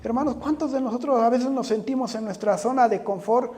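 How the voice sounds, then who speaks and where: A man's voice: very high voice, fairly quick, a little mellow. A man preaching a sermon, speaking earnestly, often putting rhetorical questions to the congregation and addressing them directly.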